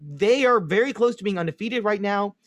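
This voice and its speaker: A man's voice: sits high, lively intonation, brisk, no echo. A man with a Chicago accent co-hosting a casual sports podcast, confidently analyzing teams and making predictions. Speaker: podcast co-host.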